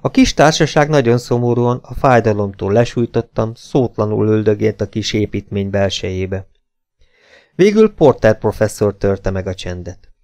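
A man narrating an adventure audiobook in a dramatic, measured storytelling manner. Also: fairly low pitch, animated, a little mellow.

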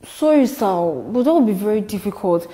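A woman's voice: medium pitch, lively intonation, normal speed, dark tone, lightly acted. An actress playing a prim, pious young woman auditioning for a film. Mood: hesitant. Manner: hesitant, polite, then defiant. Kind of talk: comic short-film acting. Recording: echoey room with hiss.

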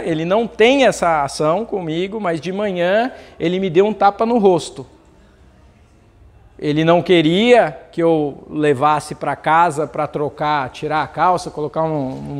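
A high-pitched young man from Brazil gives a parenting lesson in an informal lecture style. He keeps checking in with his listeners through rhetorical questions and leans on personal stories. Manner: conversational, asks the audience rhetorical questions. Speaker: parenting course teacher.

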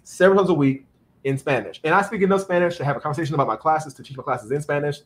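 A young man, a dance company director and podcast guest, telling stories in an animated, blunt way over a video call from his dance studio. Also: on the high side, rapid-fire. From United States. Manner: animated, blunt, plays out quoted exchanges. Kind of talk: casual storytelling in a podcast interview. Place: dance studio in Atlanta, indoors. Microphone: video call, camera at a distance.

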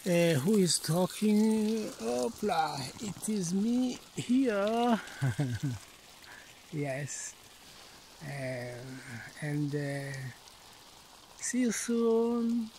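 A middle-aged man for whom English is not his first language gives a casual walk-through of his outdoor vegetable garden, often pausing to search for words. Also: high voice, expressive, dark tone, a little hiss or hum. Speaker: gardener vlogger. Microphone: handheld phone camera.

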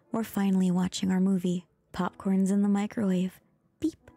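A woman streamer giving a soft ASMR-style storybook reading, speaking gently, dipping into whispers and making mock-exasperated asides. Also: mid-range voice, husky, no echo.

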